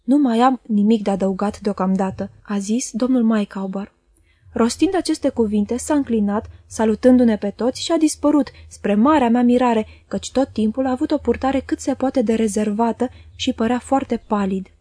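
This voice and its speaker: Calm woman reading a novel aloud. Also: a little high, dry recording, clean studio sound. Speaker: audiobook reader. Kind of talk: literary audiobook narration.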